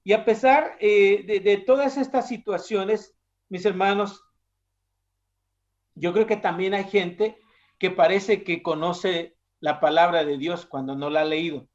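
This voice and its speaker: A young man from Mexico preaches with a high voice, speaking in a conversational way. He keeps turning to his listeners with questions. The sound is dull and lo-fi. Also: fairly even intonation, a little slow. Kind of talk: sermon.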